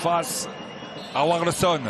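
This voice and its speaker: A male football commentator describing the play live in an excited style. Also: on the high side, slow. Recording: crowd and stadium noise.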